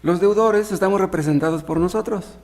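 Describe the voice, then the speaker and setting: Gravelly pastor explaining scripture. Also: male voice, high-pitched, a little fast, darkish tone. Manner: reads Bible verses aloud, then explains them in plain words with rhetorical questions. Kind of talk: expository sermon reading and explaining scripture.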